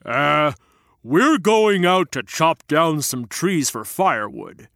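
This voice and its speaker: A man playing a slow, hesitant woodcutter father. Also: a little high, very animated, gravelly, a bit bright, no room sound, studio quality, heavily acted. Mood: brusque. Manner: slow, drawn-out, hesitant delivery. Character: gruff hurried woodcutter father.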